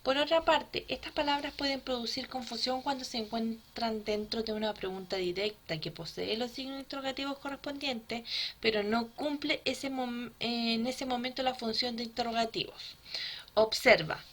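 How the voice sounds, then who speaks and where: Woman, teacher, grammar lesson for children, bright tone, patient, checks understanding often. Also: on the high side, steady tone, normal speed, slight background noise.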